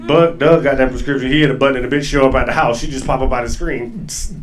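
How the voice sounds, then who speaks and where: A man's voice: medium pitch, fairly even intonation, fast, a crowd in the background. Laughing, profane stand-up comedian man. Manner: loose, profane, laughing storytelling. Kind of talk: stand-up set. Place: comedy club stage.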